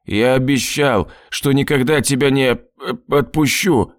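A man's voice: mid-range voice, normal speed, dry recording, studio quality, natural voice. A man doing a slurring drunken husband. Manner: slurred, heavy. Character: drunken remorseful middle-aged husband, slurring.

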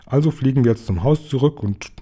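A man voicing a proud, fussy father who has been turned into a bird. He gives orders in a dark, husky voice. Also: medium pitch, a little fast, natural voice. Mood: firm. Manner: bossy, giving orders.

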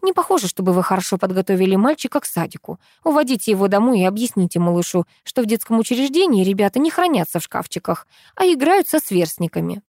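A woman voicing a brisk, bossy kindergarten teacher in an audiobook, speaking in a lecturing, matter-of-fact way. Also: medium pitch, very animated, darkish tone, no echo, studio quality. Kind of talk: audiobook character voice.

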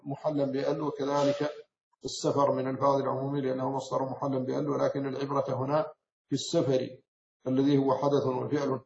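A man from Mauritania, an Islamic scholar, giving a measured explanatory lecture on a classical text, often pausing and correcting himself. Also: mid-range voice, flat delivery, vocal fry, darkish tone. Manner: measured, explanatory, with frequent self-corrections and hesitations. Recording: roomy, slightly dull recording.

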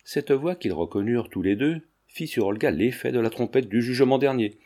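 A man narrating a classic novel in a measured, even storytelling manner. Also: mid-range voice. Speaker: audiobook narrator. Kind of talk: scripted literary narration.

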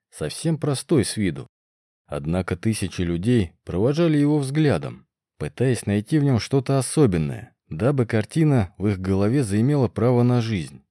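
Man, audiobook narrator, measured storytelling, low voice, dry close mic. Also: mellow, no room sound. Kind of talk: scripted fantasy narration.

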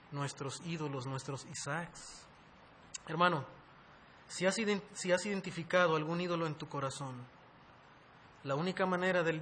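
A man preaching a sermon, who rises to loud, intense emphasis and calls his listeners brothers. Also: a little hiss or hum. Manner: rising to loud, high-pitched emphasis, addresses listeners as brothers.

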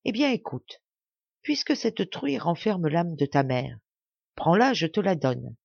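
A woman voicing a kind, pious old man in a storybook, speaking with fatherly warmth. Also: fairly low pitch, very animated, a little slow, creaky, breathy edge, no echo, lo-fi sound, full character voice.

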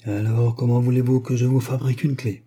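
A man reading an audiobook and voicing a hoarse, cynical male street thug who talks slangy and boastful. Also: medium pitch, level tone, brisk, warm tone, pitched above the performer's own voice, close to an everyday voice. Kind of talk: audiobook character voice.

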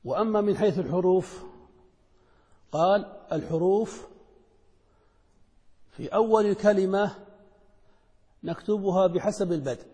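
A man teaching a lesson in a measured, explanatory way, posing questions and answering them himself. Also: sits high, warm tone. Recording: long hall reverb.

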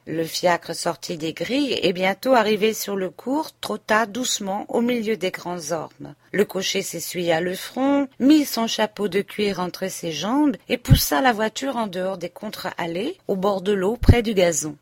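A woman reading a classic novel aloud as an audiobook narrator, in a measured, even storytelling manner. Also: medium pitch, no room sound, studio quality. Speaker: audiobook reader. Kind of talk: scripted literary narration.

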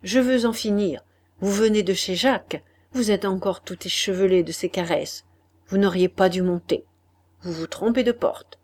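A woman's voice: medium pitch, huge pitch swings, unhurried, hardly any pauses, mellow. A woman voicing a vehement heartbroken young lover. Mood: anguished accusing. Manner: raised, vehement, trembling.

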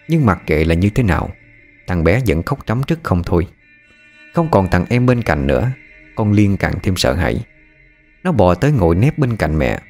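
Deep-voiced man narrating a ghost story. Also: a little mellow.

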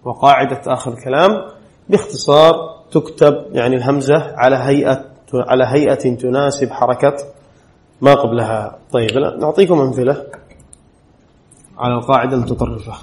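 A man's voice: medium pitch, fairly quick, a little mellow. A man teaching a classroom lesson on Arabic spelling rules, reading a rule aloud and quizzing his students with frequent short questions. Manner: reads a rule text aloud, then explains. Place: classroom at an Islamic studies center.

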